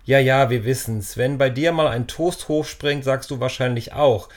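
A man's voice: medium pitch, normal speed, close to an everyday voice. A man voicing a grinning, teasing schoolboy in a storybook reading, with a mocking, cheeky manner.

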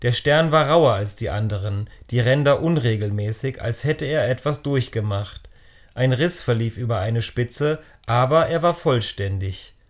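A man narrating a children's story in a calm, measured reading voice. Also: mid-range voice.

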